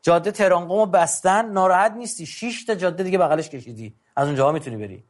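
A middle-aged man speaking to an audience in a relaxed, conversational lecture style. His voice sits fairly high for a man. He stresses key points and counts off tips one by one. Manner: conversational, emphatic, lists numbered tips. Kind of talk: informal talk on controlling anger.

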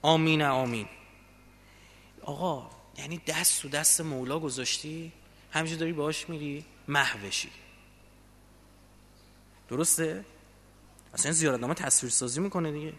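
A man preaching a religious sermon fervently, moving from quiet passages to loud emotional peaks. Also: on the high side, long pauses. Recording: long reverb of a large hall.

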